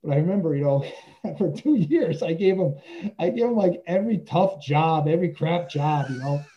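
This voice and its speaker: A man's voice: a little high, lively intonation, moderate pace, warm tone, slight background noise. A man who works as a teacher, telling stories in a casual interview, rambling with lots of "you know" and restarts. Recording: dull lo-fi recording.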